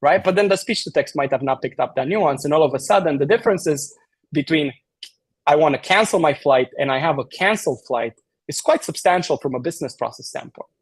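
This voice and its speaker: With a slight Romanian accent, this Romanian man, appearing as a tech company guest on a podcast, explains quickly, with heavy fillers and many restarts. His fairly high voice has lively intonation and a breathy edge, and there is no room sound.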